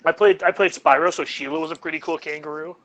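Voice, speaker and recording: A man's voice: a little high, fairly even intonation, fast, a bit bright, rough recording. A man co-hosting a podcast in casual chat, rambling and jokey. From United States. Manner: rambling and jokey, laughs at his own jokes. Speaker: podcast co-host.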